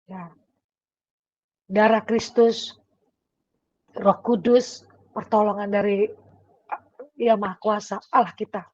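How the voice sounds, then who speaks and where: Taking it slowly with long pauses, this devotional speaker, a middle-aged woman, talks in a steady, medium-pitched voice that's a little mellow. Her sermon is casual and conversational, full of fillers and tag questions, with the odd cough, and the recording is dull, dry and lo-fi.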